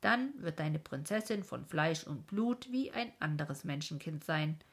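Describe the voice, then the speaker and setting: A kindly old king of dreams speaks patiently and a little fussily, as a woman reads him aloud. His voice sits somewhat raised and louder than the narration, with a breathy edge. A gentle storybook monarch. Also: low voice, animated, unhurried, full character voice.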